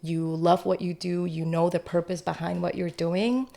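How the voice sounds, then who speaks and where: Creaky, low-pitched woman in interview. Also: flat delivery, normal speed, warm tone. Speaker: real estate agent being interviewed. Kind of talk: conversational interview.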